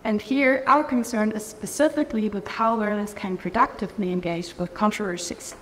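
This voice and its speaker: A German woman gives a conference keynote lecture at a lectern, presenting a research framework in a large hall. She speaks carefully at a normal speed in a mid-range, slightly bright voice, often restarting phrases and using fillers. The lectern mic picks up a little hiss or hum, with faint ambience and reverberation in the hall.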